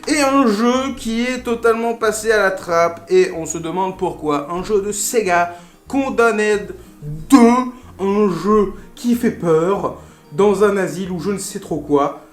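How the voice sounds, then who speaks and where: Guy chatting through a game unboxing, loose and jokey, lots of ums, high-ish voice, roomy sound w/ quiet music behind. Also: normal speed, few pauses. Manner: chatty and playful, full of fillers and asides. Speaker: retro game collector and video host. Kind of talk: casual unboxing chat. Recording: roomy echo with faint music.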